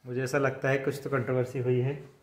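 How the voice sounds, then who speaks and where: A man's voice: mid-range voice, level tone, quick pace, a little mellow. A man, a father making a casual family vlog, filming on a handheld phone and talking chattily to his viewers. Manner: chatty, keeps addressing viewers as guys. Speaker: vlogger father. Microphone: handheld phone camera. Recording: echoey room with faint background noise.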